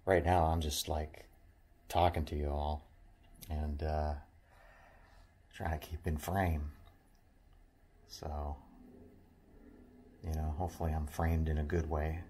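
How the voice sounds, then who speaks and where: Slow, very low-voiced reflective man. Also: flat delivery, warm tone, husky. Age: middle-aged. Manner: reflective, halting, with many fillers and restarts. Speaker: vlogger. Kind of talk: casual talk to camera. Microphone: handheld phone at arm's length.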